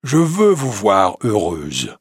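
A kind, sorrowful storybook beast, as a man reads him aloud. He speaks in slow, earnest phrases, with a husky grain and a lively rise and fall. The sound is close and dry. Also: fairly low pitch, no echo, exaggerated voice. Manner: slow, earnest, pleading delivery. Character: gentle lonely male beast, sad and kind.

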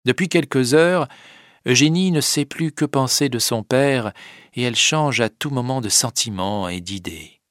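A man narrating a story in a calm, measured way. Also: mid-range voice, dry recording, studio quality. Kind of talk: audiobook narration.

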